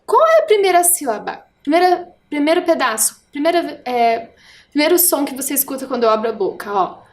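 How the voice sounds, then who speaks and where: A woman's voice: high-pitched, big pitch swings, fairly quick. A woman teacher with a Brazilian Portuguese accent, giving a video lesson to first graders and stretching out syllables in a sing-song way. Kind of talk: video lesson for young children.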